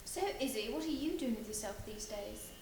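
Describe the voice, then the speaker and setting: Actress as posh snobby Brit designer, high voice, echoey room. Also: female voice, a little fast, darkish tone, lightly acted. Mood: haughty. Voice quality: posh, condescending, says darling. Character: posh self-important woman fashion designer. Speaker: sketch character. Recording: roomy echo, faint noise.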